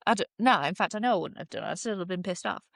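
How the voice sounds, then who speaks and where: A woman co-hosting a podcast in loose, casual chat, with a middle-pitched voice. She tells long stories full of fillers and swears freely. The sound is dry and close. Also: animated, rapid-fire, gravelly, a bit bright, no room sound. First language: English. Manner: swears freely, chatty storytelling with many fillers. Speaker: podcast co-host.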